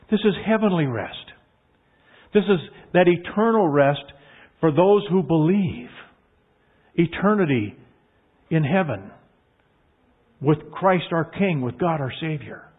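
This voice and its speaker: A man preaching a sermon in an earnest, emphatic way, leaning hard on key words. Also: a little high. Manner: earnest, emphatic, drawn-out stresses. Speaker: pastor. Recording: tinny phone-like line.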